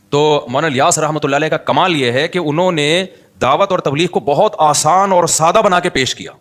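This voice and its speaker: A male preacher with a fairly high voice, giving a sermon. He talks in a lively, conversational way, dropping in English words and chanting Quran verses in Arabic. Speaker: Islamic preacher.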